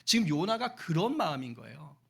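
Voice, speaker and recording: A male pastor delivers a sermon in a chatty, storytelling way. His voice sits high for a man, and he keeps putting questions to the congregation. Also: very animated, brisk, gravelly, slightly rough. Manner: conversational, asks the congregation questions, acts out quotes.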